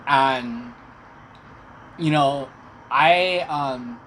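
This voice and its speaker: A man's voice: mid-range voice, drawn-out words, fairly bright tone, poor audio. A middle-aged man telling personal stories casually to viewers, chewing while he talks. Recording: clear background noise.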